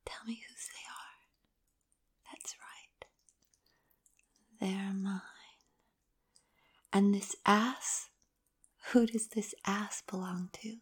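A woman whispering an intimate roleplay in a teasing, commanding way, with soft hums between her phrases. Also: mid-range voice, fairly even intonation, drawn-out words, pauses often, breathy edge.

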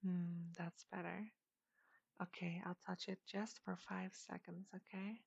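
A woman's voice: mid-range voice, steady tone, slow pace, creaky, breathy edge, dry recording, dull audio, exaggerated voice. A woman playing a seductive, teasing adult superheroine in an intimate erotic audio role-play, speaking breathily and often half-whispering.

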